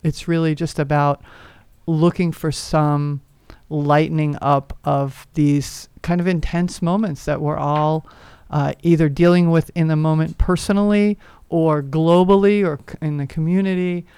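A speaker in casual spiritual chat, reflective and thoughtful, with gentle affirmations. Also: medium pitch, fairly even intonation, unhurried, clean tone, dry recording.

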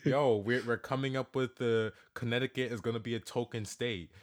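A young man co-hosting a podcast, teasing his friends with crude jokes and quick laughs. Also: medium pitch, steady tone, crowd noise. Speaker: podcast co-host. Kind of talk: casual podcast banter.

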